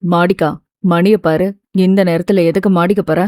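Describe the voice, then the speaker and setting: A woman's voice: fairly low pitch, flat delivery, normal speed, mellow, no echo, voice pushed down, lightly acted. A woman voicing a reserved, stern man who speaks curtly, in a dry, close recording. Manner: curt, commanding.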